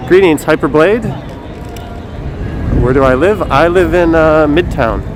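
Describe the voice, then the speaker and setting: A man chats casually and haltingly on a live stream, speaking through a face mask. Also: a little high. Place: outdoors in a windy downtown city square. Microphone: phone on a gimbal. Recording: noisy windy city street, traffic.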